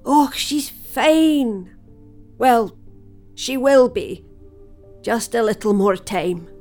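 Broad Scottish accent, middle-aged motherly village woman, dry teasing manner, unhurried, higher voice, audio drama. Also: lively intonation, a little mellow, soft background music. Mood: matter-of-fact, kindly. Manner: dry, teasing, matter-of-fact.

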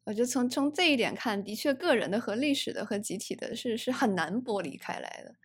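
A woman's voice: a little high, animated, brisk, husky. A woman hosting a podcast, chatting casually with her guests and asking them questions. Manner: asks guests questions, laughs easily. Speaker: podcast host. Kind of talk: casual chat.

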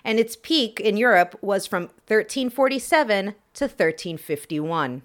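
A woman's voice: mid-range voice, animated, a little slow. A woman hosting a podcast, explaining history in a chatty way with playful, wry asides to her listeners. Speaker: podcast host.

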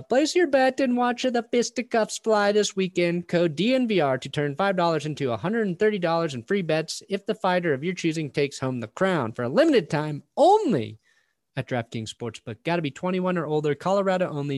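A man who hosts a sports show, reading an ad's legal disclaimer in quick, clipped phrases. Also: high voice, no room sound, studio quality. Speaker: sports talk show host. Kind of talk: sponsor ad read ending in legal disclaimer.

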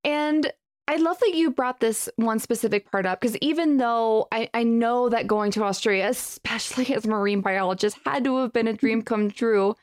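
Podcast host, woman, high voice, effusive, dry studio sound. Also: moderate pace, clear, resonant tone, dry recording. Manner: enthusiastic, effusive questions. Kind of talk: podcast interview.

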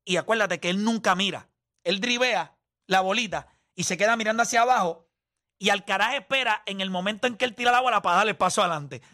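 Insistent high-voiced man arguing sports. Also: brisk, pushed and bright. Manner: insistent, talks over others, explains with long analogies. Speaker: podcast co-host. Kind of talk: heated sports debate.

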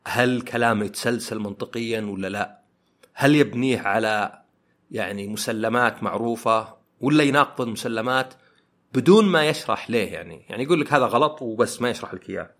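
A man hosting a podcast, talking through ideas in a thoughtful way and often pausing to search for words. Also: medium pitch, a bit bright. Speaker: podcast host. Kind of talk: reflective podcast monologue.

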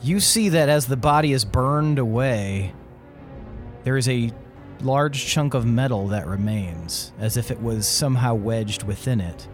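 Guy game master narrating slow and suspenseful, faint music under him. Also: mid-range voice. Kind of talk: narrating a tabletop role-playing game.

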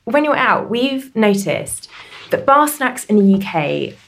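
A woman's voice: on the high side, very animated, unhurried. A woman, a drinks writer, chatting playfully as co-host. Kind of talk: casual chat.

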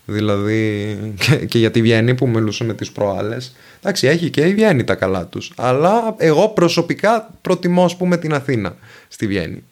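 Venetian Italian-accented man, linguist guest, mid-pitched, unhurried, pauses to pick his words. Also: sing-song, a little mellow. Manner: slow, thoughtful, pauses to find words. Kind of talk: casual conversation.

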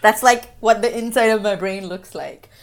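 A woman's voice: medium pitch, normal speed. A woman from Singapore, a guest on a podcast interview, talking in a chatty way with fillers and frequent laughs.

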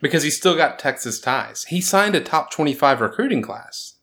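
A man hosting a casual sports chat, joking, sarcastic and quick to laugh as he runs through scores. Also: a little high, lively intonation, bright, forceful tone. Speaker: podcast host.

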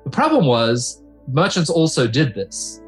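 A man's voice: on the high side, very animated, unhurried, soft background music. Man explaining history conversationally. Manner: explanatory, conversational, checks in with "right?". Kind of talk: interview commentary.

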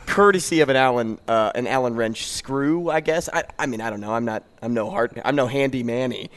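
A man's voice: medium pitch, fairly quick. A man co-hosting a sports talk show in an easygoing tone with dry, teasing humor. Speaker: sports radio co-host. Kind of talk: casual sports talk banter.

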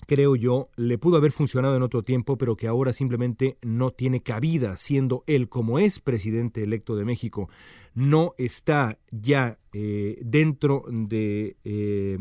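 A man hosting a political commentary monologue, measured and full of hesitant fillers. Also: medium pitch, mellow, no echo, studio quality. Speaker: political commentator and show host.

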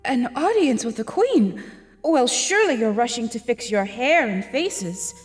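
Disguised goddess, high voice, humble and pleading, audio drama, reverberant. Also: female voice, sing-song, unhurried. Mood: ingratiating. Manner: pleading, ingratiating, tearful. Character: disguised goddess Isis posing as a humble young hairdresser.

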